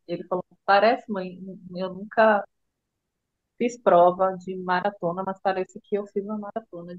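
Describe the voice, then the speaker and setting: A middle-aged woman with a Brazilian Portuguese accent, telling her son's illness story in a tender, halting way with many restarts. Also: mid-range voice, no room sound, dull audio. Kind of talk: emotional personal storytelling.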